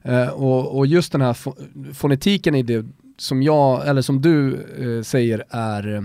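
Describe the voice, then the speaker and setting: A man's voice: mid-range voice, gravelly, dark tone, dry recording, clean studio sound. A man talking earnestly in a casual podcast chat, explaining his view as a guest.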